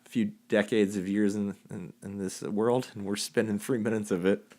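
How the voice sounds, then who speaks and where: Lively low-voiced male podcast co-host. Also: normal speed. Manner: animated, swears casually, drifts loud then quiet. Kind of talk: casual chat.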